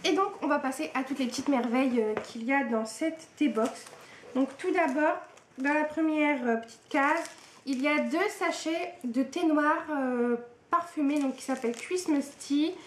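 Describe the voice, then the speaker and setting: In an echoey room with faint hiss, a young book and tea vlogger talks her way through an unboxing in a casual, filler-heavy, hesitant manner. She has a high-pitched voice and speaks a little slowly.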